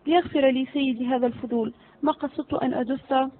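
Sly flattering servant man, read by a woman, high pitch, thin phone-like audio, storybook. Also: fast talker, a little hiss or hum, natural voice. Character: cunning flattering male servant, scheming.

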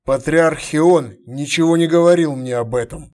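A man voicing a stern, commanding middle-aged emperor who gives curt, measured orders. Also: on the high side, darkish tone, close to an everyday voice.

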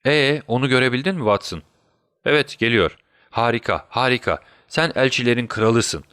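A man's voice: mid-range voice, normal speed, fairly bright tone, smooth, no echo, studio quality, lightly acted. A man doing Sherlock Holmes, bedridden and feverish. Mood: urgent. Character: sick, feverish male detective, clever.

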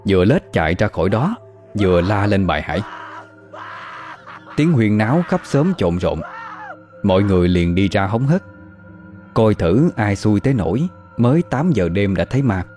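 A man narrating a scripted horror story in a steady, measured way. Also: fairly low pitch.

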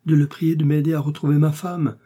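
Man putting on a panicky middle-aged shopkeeper, high and pleading, husky underneath, storybook. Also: flat delivery, a little fast, dark tone. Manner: pleading, protesting, rising pitch. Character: frightened anxious middle-aged male shopkeeper.

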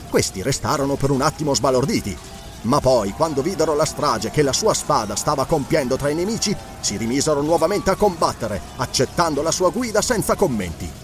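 Male narrator, slightly high voice, animated dramatic reading. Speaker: audiobook narrator.

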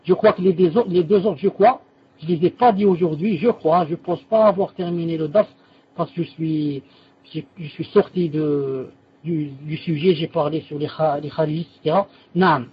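A man's voice: fairly high pitch, breathy edge, muffled recording. A man teaching a religious lesson and answering students' questions, patiently repeating key terms and correcting himself as he explains.

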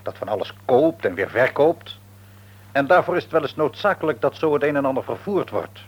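In a Dutch radio drama, an actor with a Netherlands accent plays a shrewd, patronising middle-aged businessman father who seems jovial but is secretly domineering. His medium-pitched voice is sing-song, a little fast, and breathy at the edges. He's wordy and probing, with a brisk, businesslike mood.

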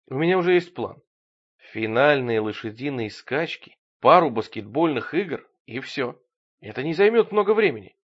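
A man's voice: medium pitch, lively intonation, normal speed, highs cut off, lightly acted. A man voicing a scheming man who coaxes his fiancée in a falsely tender way. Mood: coaxing.

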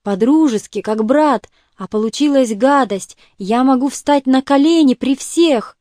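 A woman's voice: sits high, measured pace, mellow, dry recording, studio quality. A woman voicing a hard-drinking, remorseful male army captain who pleads and rambles. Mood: pleading.

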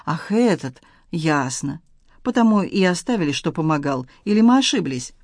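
A woman's voice: sits low, sing-song, moderate pace, a little mellow, dry recording, studio quality, full character voice. A woman reading the lines of a guarded, wry man in an audiobook, matter-of-fact and slightly teasing. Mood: calm.

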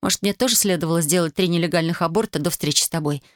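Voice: medium pitch, dry recording, studio quality, close to an everyday voice. A narrator voicing an earnest, proud young woman who pleads and argues in an audiobook reading. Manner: pleading, earnest, quick when upset. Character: young woman, tender but proud and hurt.

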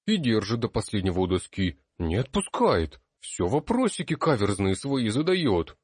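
A man's voice: on the low side, sing-song, normal speed, darkish tone, breathy edge, no echo, studio quality, voice pushed up. A man voicing a resentful young female class monitor in an audiobook, grumbling in an aggrieved way. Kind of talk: audiobook character voice.

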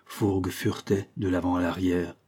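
A man narrating a literary sea story in a measured reading voice. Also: low-pitched, flat delivery, darkish tone, husky. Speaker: audiobook reader.

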